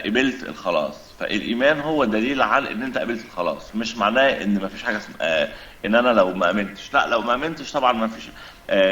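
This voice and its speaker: A man's voice: on the low side, a bit bright, reverberant, highs cut off, slight background noise. A man with an Egyptian accent, arguing his point insistently in a religious debate and explaining it with everyday examples. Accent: Egyptian Arabic.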